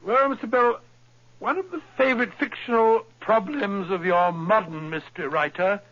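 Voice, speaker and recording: Bluff old Doctor Watson. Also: male voice, high voice, moderate pace, pushed and bright. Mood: genial. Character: genial, bluff older male doctor. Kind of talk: 1940s radio acting. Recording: dull old radio recording.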